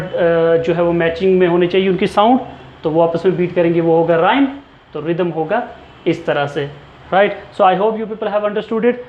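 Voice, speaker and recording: High-voiced Indian man teaching English. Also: a little mellow. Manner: explains slowly and asks the class questions. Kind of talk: lecture to students mixing Hindi and English. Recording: echoey room, dull sound.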